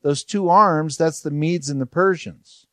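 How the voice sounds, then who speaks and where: A man's voice: a little high, measured pace, bright, forceful tone, no echo, studio quality. A man teaching a Bible study verse by verse, explaining in a conversational way and asking rhetorical questions.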